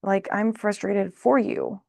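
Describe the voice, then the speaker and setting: Woman, tarot reader, casual reading, blunt, exasperated, unhurried, dry close sound. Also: mid-range voice, fairly even intonation, gravelly, dark tone, dry recording. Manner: thinks aloud, blunt and exasperated.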